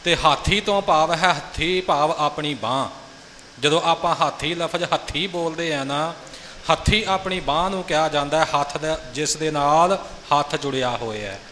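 A man's voice: fairly high pitch, moderate pace, pushed and bright, big-room sound, slight background noise. A man teaching scripture pronunciation, patiently explaining and modeling each line. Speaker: recitation teacher. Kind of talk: pronunciation instruction.

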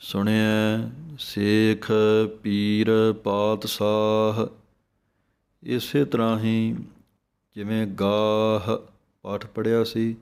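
Male recitation teacher, low steady voice, unhurried chanting then patient explanation. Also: smooth. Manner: chants scripture lines slowly, then explains spelling and sounds. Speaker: gurbani pronunciation teacher. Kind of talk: slow recitation lesson with explanations.

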